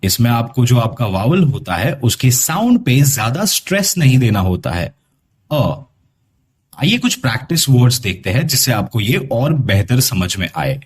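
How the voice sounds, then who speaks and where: A man with a Hindi accent leads a pronunciation lesson in a slightly husky voice. He talks slowly and patiently, stretching out practice words for learners to repeat. His pitch rises and falls with lively emphasis. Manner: patient, drawn-out word repetition. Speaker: English pronunciation teacher. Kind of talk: slow teaching drill, repeating words.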